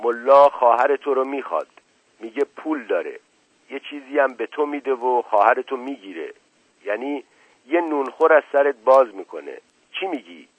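A man's voice: medium pitch, lively intonation, husky, no echo, voice pushed up. A man voicing an older male village headman, a blunt go-between, speaking in a raised, emphatic voice, heard on a lo-fi radio recording.

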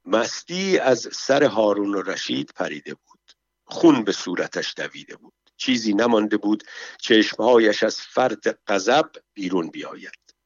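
A man narrating a story in a steady, measured reading, in a dull, dry recording. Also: fairly low pitch, no echo. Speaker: audiobook narrator.

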